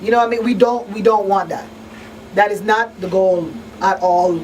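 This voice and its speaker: In a noisy room, heard through a far-off microphone, a radio talk show host who is also a crisis counselor offers advice to an informal panel. Her voice is mid-range at a normal speed, and she stresses her points by repeating them.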